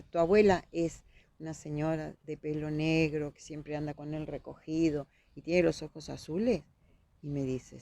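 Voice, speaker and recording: Here a Uruguayan-accented woman guests on a podcast, her voice low, mellow and touched with vocal fry. In conversational storytelling, she brings events to life and performs the lines of dialogue she quotes.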